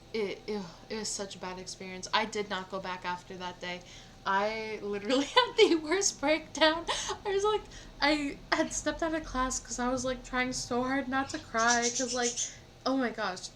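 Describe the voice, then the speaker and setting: A young woman streamer telling a personal story in casual chat, rambling with lots of "like" fillers and animated feeling. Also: on the high side, unhurried, slight background noise, low-quality recording. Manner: rambling, heavy use of "like" fillers; animated, emotional retelling.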